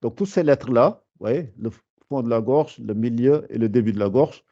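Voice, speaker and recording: A man teaching Quran recitation in an online class, explaining rules patiently with many fillers and pausing to recite verses slowly. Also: medium pitch, mellow, lo-fi sound.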